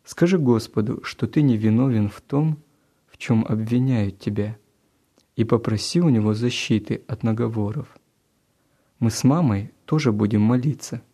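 Storybook father, earnest and admonishing, warm low voice, as a man reader plays him. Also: moderate pace. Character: stern but caring believing father.

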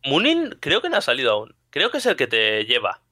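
Bright, animated Spanish man telling stories. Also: mid-range voice, fairly quick, no room sound, clean studio sound. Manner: animated storytelling, frequent laughter. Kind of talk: casual chat.

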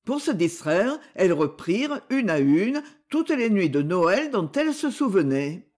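Story reader with a really lively up and down voice, reads slow and dramatic, pausing a lot. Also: mid-range voice. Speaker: audiobook reader. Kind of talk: scripted narration of a short story.

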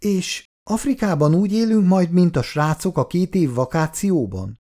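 A man's voice: sits high, voice pushed up. A man voicing an eager, dreamy young boy full of adventure fantasies. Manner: excited, fanciful.

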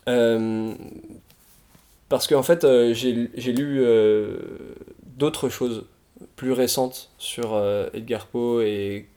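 A man's voice: mid-range voice, fairly even intonation, extremely slow, dark tone, smooth. A man casually talking about his book collection, hesitant, with many fillers and restarts. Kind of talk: casual chat about books.

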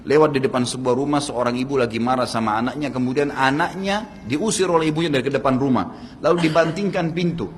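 An earnest Indonesian-accented man preaching a sermon to his listeners. His voice sits at a middle pitch and rises and falls sharply when he stresses a point. A faint hum of ambience runs beneath the recording. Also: fairly quick, long reverb tail. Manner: earnest, addresses audience directly, swings pitch for emphasis. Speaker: Islamic preacher.

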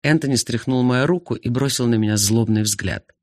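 A man's voice: medium pitch, normal speed, no room sound, clean studio sound. A man reading first-person narration in an audiobook, expressively. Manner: expressive, animated. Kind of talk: scripted narration.

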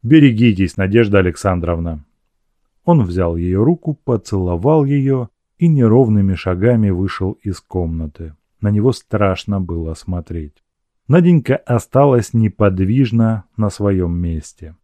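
A man narrating a classic novel in a measured, even storytelling manner. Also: lowish voice, no echo. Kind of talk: audiobook reading of a classic novel.

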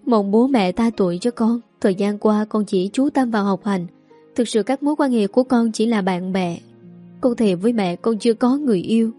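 A woman's voice: mid-range voice, fairly quick, dark tone, faint music behind, lightly acted. A woman voicing a frightened young woman student who pleads anxiously with her mother. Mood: pleading.

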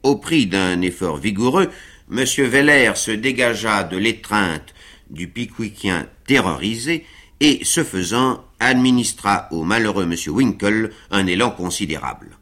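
A man narrates a classic novel for radio. He reads slowly with a lively, expressive melody. His voice sits low but sounds bright. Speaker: reader of a novel. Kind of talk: literary reading on radio.

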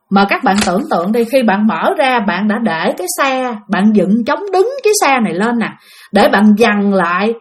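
A woman with a Southern Vietnamese accent casually narrating a ghost story, addressing her listeners directly. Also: on the high side. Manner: lively, animated retelling addressing listeners.

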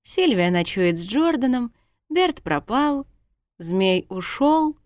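A woman's voice: big pitch swings, measured pace, dry recording, clean studio sound. A woman playing a giggly tipsy princess. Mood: sulky. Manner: giggly, high, sing-song teasing. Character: tipsy, cheeky young princess bride, playful and stubborn. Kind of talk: audiobook character voice.

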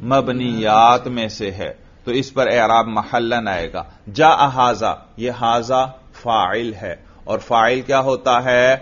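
A man with a Pakistani Urdu accent teaches a class, pitching short questions and then echoing the students' replies back to them. His voice sits at an ordinary middle pitch. The recording is dull and lo-fi. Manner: drills the class with quick questions and repeats their answers. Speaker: religious teacher. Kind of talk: classroom grammar lecture.

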